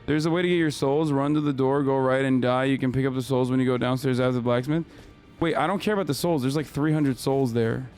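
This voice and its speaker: A man streaming live while gaming, his voice hoarse from screaming, talking in frustrated, profane rants with stammered restarts. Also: medium pitch, steady tone, fast talker, darkish tone, soft background music.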